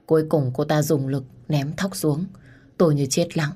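A woman telling a dramatic first-person story in a steady narrating voice. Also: low-pitched, moderate pace, slightly rough.

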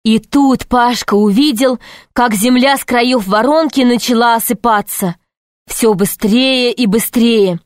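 A woman reading a children's adventure book aloud in measured, clear narration. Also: on the high side, no room sound, clean studio sound. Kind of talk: scripted audiobook narration.

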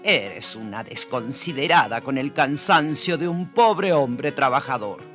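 A man's voice: medium pitch, expressive, unhurried, fairly bright tone, soft background music. A man voicing a bossy, grumbling husband who scolds his wife in a children's radio story. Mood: scolding. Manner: scolding, demanding.

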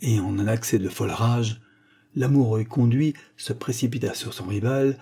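A man narrating a classic story as an audiobook reader, measured and expressive. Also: mid-range voice, slightly rough. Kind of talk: scripted narration.

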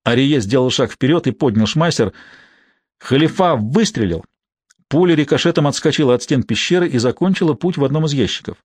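A man narrating a thriller audiobook in a measured, steady way. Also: mid-range voice, no room sound.

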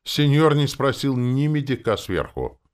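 A man voicing a husky, dutiful male army captain in an audiobook. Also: mid-range voice, very animated, unhurried, voice pushed up.

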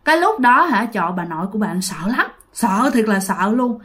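A woman telling a ghost story casually, chatting straight to her listeners. Her voice is high and very lively, swooping up and down as she goes. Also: brisk. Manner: chatty, addresses listeners directly.

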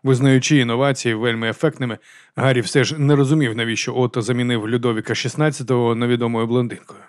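A man narrates a crime novel as an audiobook reader, steady and measured in his telling. His voice sits at an ordinary middle pitch for a man. The recording is dry and close, with no room sound. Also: no room sound. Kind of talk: scripted narration.

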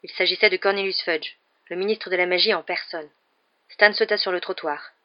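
A woman with a lowish voice narrating a storybook, calm and even. The recording is dull and lo-fi. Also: fairly quick. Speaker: audiobook narrator. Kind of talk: scripted narration.

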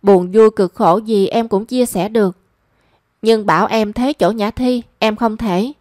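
A proud, hurt young woman in a spoken storybook who keeps her guard up and answers with reproach, as a woman narrator reads her. The voice is mid-pitched and plain, recorded dry and close. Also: unhurried, a little mellow, dry recording, lightly acted.

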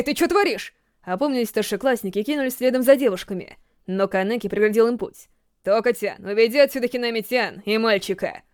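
A woman reading a story aloud in a steady, measured audiobook narration. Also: a little high, no echo, clean studio sound. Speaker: audiobook reader.

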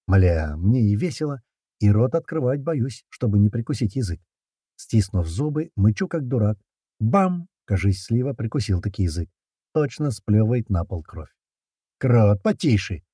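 A man reading an action story aloud in the first person, with brisk, slangy narration and shouted lines for the characters. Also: on the low side, lively intonation, husky, dry recording, clean studio sound. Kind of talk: audiobook narration with character voices.

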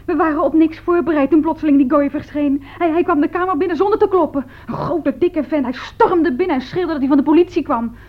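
A woman's voice: sits high, fairly quick, few pauses, lightly acted. A woman playing a fiery, loyal young housemaid. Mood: indignant. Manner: breathless lively storytelling, stammering. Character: loyal excitable female housemaid, young adult. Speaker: maid in radio play. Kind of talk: radio drama acting. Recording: dull lo-fi radio recording.

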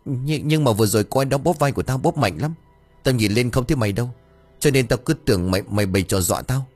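A man's voice: medium pitch, fast talker, a little mellow, voice pushed up, lightly acted. A scared young village boy with a raised, stammering voice that keeps insisting, as a man acts him out. His lines rise above the narration. Faint music sits underneath. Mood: frightened.

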